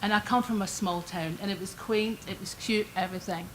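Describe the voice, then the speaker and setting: An older woman with a Scottish accent speaks at a council meeting microphone. Her manner is chatty and folksy, and her voice sits at a middling pitch. A faint background hiss runs under her words. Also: steady tone, brisk, rough recording. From Scotland. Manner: chatty, homely, lightly self-deprecating. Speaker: resident giving public comment. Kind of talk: public comment at a council meeting.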